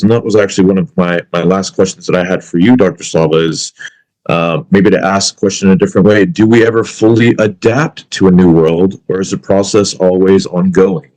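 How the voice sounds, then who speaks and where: Appearing as a guest on a podcast, this Arabic-speaking American man in his thirties reflects aloud in casual interview conversation, often using fillers and restarting his sentences. His voice is low-pitched with a darkish tone, and the audio quality is poor.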